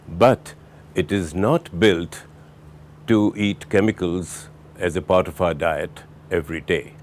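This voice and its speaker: A man's voice: sits low, a little hiss or hum. A man explaining firmly and plainly in an interview. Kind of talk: explanatory talk.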